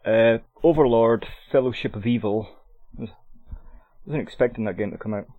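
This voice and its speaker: A man's voice: mid-range voice, moderate pace. A man chatting casually about video games as a podcast co-host. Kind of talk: casual gaming chat. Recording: dry, thin phone-like call audio.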